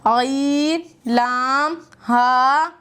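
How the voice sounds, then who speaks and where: Slow, high-voiced woman teaching letters. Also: fairly even intonation, fairly bright tone, clean tone. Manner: patient, drawn-out letter names, pointing at the page. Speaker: Quran reading teacher. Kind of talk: slow step-by-step letter lesson.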